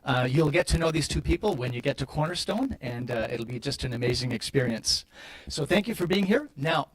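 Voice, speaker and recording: A man's voice: mid-range voice, animated, brisk, husky, poor audio. A man moderating a college career panel, upbeat and effusive, introducing speakers with frequent fillers. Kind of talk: hosting a panel discussion.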